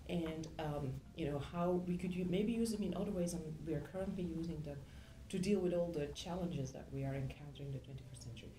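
A woman's voice: lowish voice, mellow, roomy sound, a little hiss or hum, low-quality recording. A middle-aged woman from Belgium, an engineering professor, answering interview questions thoughtfully with many ums and restarts. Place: indoor room.

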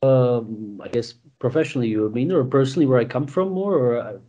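A man's voice: medium pitch, a little fast, mellow. A man, talking as a guest on a video call interview, rambling with many restarts and fillers. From Romania. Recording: dull lo-fi call audio.

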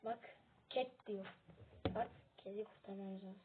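A woman's voice: mid-range voice, a little slow, noisy background. Chatty woman gamer on tinny audio. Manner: chatty, bursts into urgent excited shouting. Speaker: gaming channel host. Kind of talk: casual gameplay commentary.

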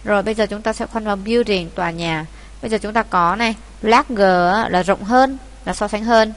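A Vietnamese woman walks her class through an exam paper step by step in an exam walkthrough lesson, patiently going back over the key points. Her voice is mid-range in pitch and her pace a little fast.

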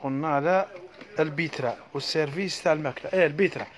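A man with an Algerian accent giving a live sales pitch in a shop, repeating prices and stock blessing phrases as he hawks his goods. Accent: Algerian Arabic. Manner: rapid, repetitive hawking with stock blessing phrases. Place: inside a household goods shop.

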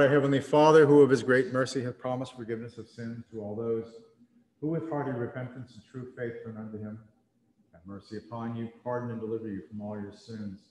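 A man leading a church service, reciting and chanting the liturgy in a slow, measured, solemn way, heard in a large church with a cathedral echo. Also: medium pitch, darkish tone, slight background noise. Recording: cathedral echo with long reverb, from a distance.

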